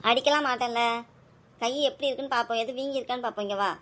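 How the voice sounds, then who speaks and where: High-voiced mother in casual family chat. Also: fairly even intonation, a bit bright. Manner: brisk, scolding yet caring.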